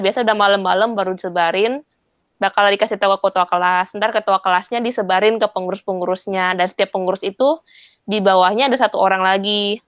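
A young adult woman co-hosting a podcast, explaining things and wrapping up the episode in a relaxed way. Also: medium pitch, smooth, dry recording. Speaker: podcast co-host. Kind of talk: casual chat.

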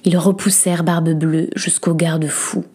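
A woman host reading a dark fairy tale aloud in a soft, breathy, often whispered storytelling voice. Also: lowish voice, flat delivery, moderate pace. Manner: hushed, dramatic.

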